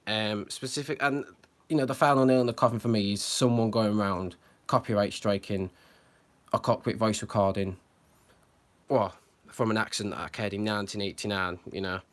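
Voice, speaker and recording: A man hosting his own channel gives unscripted, earnest, concerned commentary, full of fillers, restarts and hesitations. His voice is fairly low with fairly even intonation, and he speaks a little fast.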